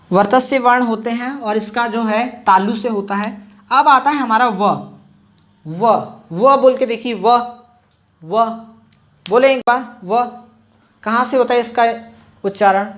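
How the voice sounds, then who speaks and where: A man teaching a Hindi grammar lesson online, who asks questions and answers them himself and repeats sounds slowly so students can copy them. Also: very high-pitched, fairly bright tone. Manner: addresses viewers directly with frequent "theek hai". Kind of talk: online exam-prep lesson.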